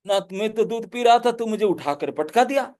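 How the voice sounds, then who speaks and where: Guy doing a scared lil boy, lisping baby talk, high and begging. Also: expressive, normal speed, darkish tone. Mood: whining. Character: frightened little boy god, pleading.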